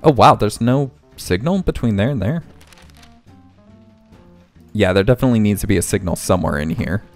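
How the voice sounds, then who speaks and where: Lively in intonation but fairly low and a touch mellow, this man's voice moves at a moderate pace. He gives casual let's play commentary, reflecting aloud and revising himself as he plays over faint game music.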